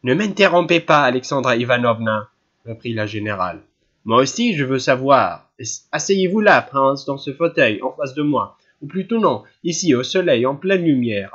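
A man voicing an imperious, impatient middle-aged noblewoman in an audiobook, with a sharp, questioning delivery. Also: mid-range voice, expressive, moderate pace, lo-fi sound. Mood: commanding. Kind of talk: audiobook character reading.

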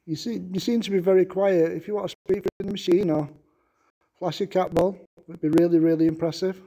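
At night in a stone castle room, a man with a Manchester accent investigates the paranormal, gently urging a spirit to respond and saying "please" again and again. He speaks fairly quickly in a high, warm voice with a steady tone.

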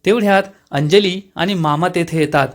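A man with a notably high-pitched voice tells the story of a TV episode in scripted narration. He keeps a steady storytelling pace and reads the characters' lines without changing his voice. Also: moderate pace. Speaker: serial review narrator.

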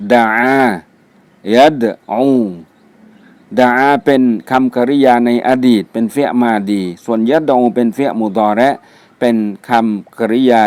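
A man's voice: mid-range voice, darkish tone, dry recording. A man teaching a religious studies class, reading out Arabic vocabulary words twice each and then giving their meanings. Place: mosque.

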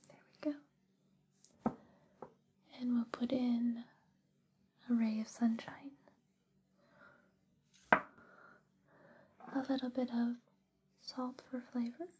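An ASMR host leads a personal-attention roleplay, whispering in a breathy, soothing, intimate way at an unhurried pace, close to a binaural microphone. Her voice is fairly high in pitch, level, and dark in tone.

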